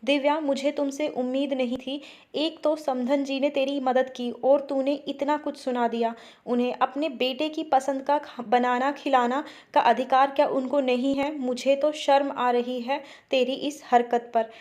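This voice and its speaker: A stern but loving older mother in a family storybook, read by a woman. She admonishes firmly in a high voice. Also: fairly even intonation, a little slow, a little mellow. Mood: reproachful.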